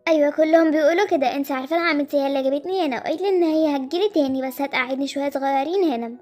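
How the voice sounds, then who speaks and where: High and fast, a woman plays a wary Egyptian girl from a children's home in an animated game story. She talks bluntly but in a friendly way, with clipped, quick phrasing. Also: soft background music, lightly acted. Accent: Egyptian Arabic. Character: friendly girl boarder, wary, long abandoned.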